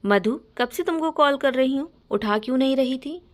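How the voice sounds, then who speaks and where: A woman's voice: high voice, normal speed, lightly acted. Woman voicing a jealous, accusing young woman. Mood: suspicious. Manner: accusing, sharp.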